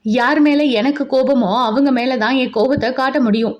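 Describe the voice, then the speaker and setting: A woman's voice: high-pitched, steady tone, normal speed, lightly acted. A woman voicing a pregnant young wife in an audio novel, who snaps back sharply and stubbornly. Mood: angry. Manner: sharp and snapping. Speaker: nurse. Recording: dull lo-fi recording.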